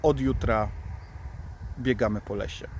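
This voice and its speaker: A man's voice: medium pitch, unhurried, darkish tone. A man talks casually and unscripted in an outdoor vlog, repeating phrases for emphasis. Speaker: running vlogger. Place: outdoors by a road with passing vehicles. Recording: raw outdoor recording with wind noise.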